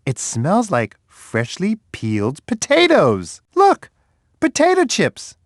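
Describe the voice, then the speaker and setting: A big, gentle bear from a children's game, full of curious wonder. The delivery is unhurried and sing-song, swinging widely up and down as he speaks kindly to young children. The sound is dry and close, with hardly any room around it. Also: high-pitched, wildly swooping pitch, no echo, full character voice. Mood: excited, delighted. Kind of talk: children's edutainment game voice lines.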